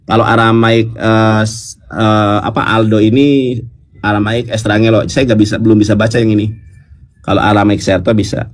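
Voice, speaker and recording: A man from West Java, talking patiently like a teacher on an online discussion call and chanting verses in a sung intonation over a quiet, low-input mic. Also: level tone, normal speed. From West Java (Sundanese). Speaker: speaker explaining scripture. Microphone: detached sound card, quiet input.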